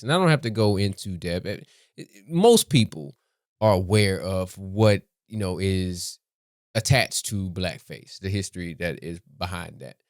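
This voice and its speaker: A man giving casual opinion commentary in a measured, deliberate way, repeating phrases for emphasis. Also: mid-range voice, no echo, studio quality. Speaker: commentator reacting to a comedy skit.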